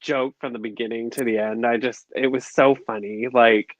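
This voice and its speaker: A man co-hosting a casual review chat, effusive and animated, on a video call mic. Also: medium pitch, normal speed, dry recording. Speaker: co-host. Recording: dull lo-fi dry sound.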